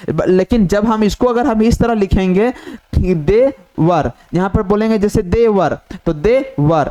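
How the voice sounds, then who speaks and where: A man teaches at a steady, patient pace, walking through each point and repeating it. His voice sits high for a man and comes through smooth and clear. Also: measured pace. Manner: repetitive, step-by-step explaining, mixing English terms into Hindi. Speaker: shorthand teacher. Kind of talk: whiteboard tutorial.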